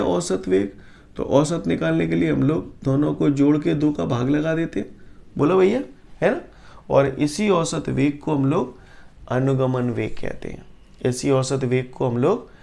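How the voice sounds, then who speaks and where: Man, physics teacher, very gravelly voice, slightly high pitch, quizzing students. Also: a little mellow. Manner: quizzes students with call-and-response questions, repeats definitions slowly. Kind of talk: classroom lecture.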